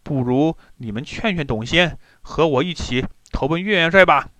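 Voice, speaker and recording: A man's voice: fairly high pitch, normal speed, sharp tone, no room sound. A man voicing a brave young boy warrior who speaks confidently and gives commands. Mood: bold, confident.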